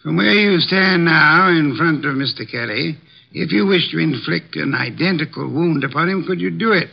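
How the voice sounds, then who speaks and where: On a muffled vintage broadcast, an actor voices a domineering, self-important detective from a 1950s radio drama, his pitch on the high side with vocal fry. He keeps a moderate pace, delivering stiff, pedantic lines while short of breath.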